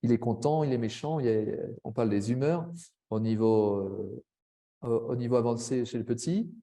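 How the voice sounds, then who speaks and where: A man giving a webinar presentation to language teachers, chatty, with frequent tag words and quick asides. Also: mid-range voice, mellow. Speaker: French language teacher trainer.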